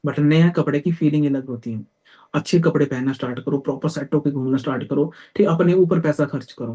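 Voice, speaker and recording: A man's voice: a little high, warm tone, dull audio. A young man leading a sales team meeting, giving blunt, direct advice and calling his listeners brother. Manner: direct and blunt, peppers talk with "theek hai". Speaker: team leader. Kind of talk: motivational team meeting talk.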